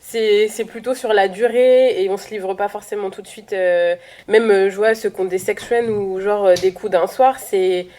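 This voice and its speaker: A woman's voice: medium pitch, steady tone, normal speed, few pauses, dark tone. Co-host: a woman, laid-back, slangy, conversational. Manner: conversational, uses slang and fillers. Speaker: podcast co-host. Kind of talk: casual chat.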